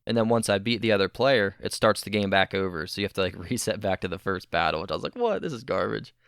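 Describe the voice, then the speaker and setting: A man talks quickly in a low, gravelly voice that still sounds smooth and clear. He co-hosts a casual gaming podcast, rambling and correcting himself as he goes. The mic sound is dry and close. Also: steady tone, a bit bright, no room sound. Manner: rambling, self-correcting, laughs often. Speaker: podcast co-host.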